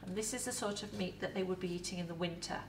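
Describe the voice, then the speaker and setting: A middle-aged woman with an English accent, a museum educator in costume, giving a lively, chatty talk to camera about food with props in an indoor set. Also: on the low side, quick pace, noisy background. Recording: roomy echo, voice from a distance.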